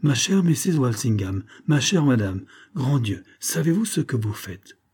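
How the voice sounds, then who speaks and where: A man's voice: medium pitch, sing-song, unhurried, a little mellow, husky, voice pushed up. A man reading the part of a scheming middle-aged major, insistent and coaxing.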